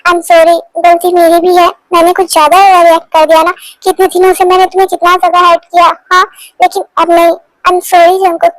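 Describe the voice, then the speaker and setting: A woman's voice: very high-pitched, completely flat delivery, fairly quick, dry recording, low-quality recording. A woman voicing a hurt young girlfriend who scolds and teases her boyfriend, in a fan-dubbed romance. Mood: reassuring. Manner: scolding then apologetic. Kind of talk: Hindi fan dub of a romance story.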